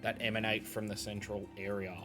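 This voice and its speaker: A man's voice: fairly low pitch, little pitch movement, a little fast, over music. An Australian man running a tabletop game as dungeon master, describing scenes with frequent ums and uhs.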